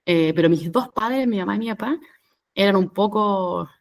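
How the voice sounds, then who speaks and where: A woman's voice: medium pitch, moderate pace, vocal fry. A woman in her thirties from Chile with a Chilean Spanish accent, a podcast guest speaking reflectively with fillers and restarts. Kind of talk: conversational interview.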